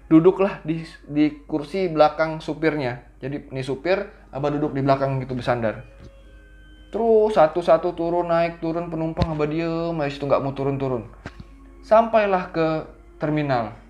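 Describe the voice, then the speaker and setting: A middle-aged man telling his children a story from his own childhood in a casual, lively way, acting out his younger self. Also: fairly high pitch, highs cut off. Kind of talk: casual bedtime-style storytelling.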